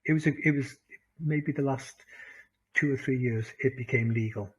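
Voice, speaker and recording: A man's voice: mid-range voice, normal speed, slightly rough, low-quality recording. A British man teaching an online English class in a chatty way, repeating words and laughing at his own remarks. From Britain.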